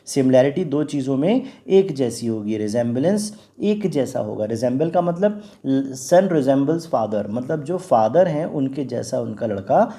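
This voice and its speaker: Very dark-voiced Indian man teaching. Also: medium pitch, expressive, moderate pace, few pauses. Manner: patient, repeats and spells out words. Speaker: English vocabulary teacher. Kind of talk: explaining word meanings in Hindi with English terms.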